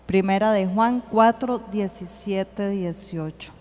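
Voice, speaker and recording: A woman giving an earnest church teaching, slowing to read scripture aloud. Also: mid-range voice, warm tone, slight background noise. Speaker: church speaker. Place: church hall. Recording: long hall reverb.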